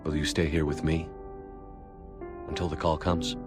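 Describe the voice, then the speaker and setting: A man playing a resolute, calm and dryly wry military commander in a cinematic video game, speaking in a terse, understated way. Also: rumbling low, moderate pace. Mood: tender. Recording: music behind the voice.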